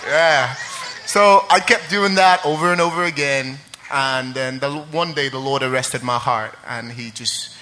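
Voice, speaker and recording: A man's voice: mid-range voice, a little slow, hardly any pauses, sharp tone, a little hiss or hum. A young man from Ireland, sharing his testimony at a church service in a chatty way full of fillers and laughter, then reading scripture.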